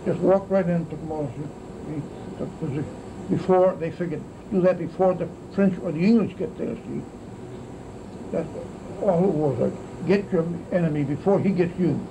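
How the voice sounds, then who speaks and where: This is a very old American man telling memories in a casual, rambling way. His aged voice is full of creak and sits a little high for a man. He halts and circles back like an old storyteller, over a clearly noisy, humming background. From United States. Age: very elderly, about 90s or older. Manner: old man's halting, rambling storytelling with repeated "see" tags. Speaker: grandfather recalling wartime childhood. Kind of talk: casual oral-history reminiscence. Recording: noisy, steady insect-like background hum.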